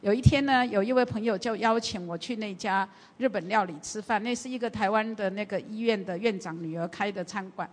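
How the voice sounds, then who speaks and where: A woman pastor telling a story during a church service, animated and full of fillers. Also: medium pitch, brisk, few pauses. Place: church hall. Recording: long hall reverb from a church.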